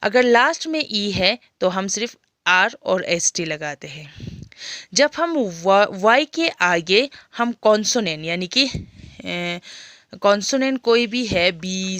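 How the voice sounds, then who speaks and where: Slow, dry-voiced Indian woman teaching. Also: medium pitch, fairly bright tone, dry recording. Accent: Indian English. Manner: explains step by step, often checking "clear?". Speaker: school English teacher. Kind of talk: classroom grammar lesson.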